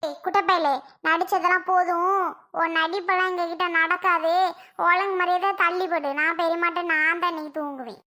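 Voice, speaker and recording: A woman's voice: very high voice, steady tone, moderate pace, bright, forceful tone. A woman voicing a chatty young girl who pleads with her aunt and tattles on her cousin, in a cartoon. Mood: pleading. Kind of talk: cartoon voice acting.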